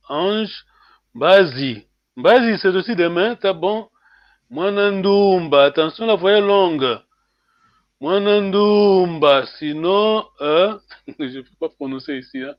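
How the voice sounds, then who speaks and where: Slow, high-voiced man teaching a class. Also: animated, dry recording, dull audio. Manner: repeats words slowly, frequent "hein" checks; switches between French and Portuguese. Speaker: language teacher.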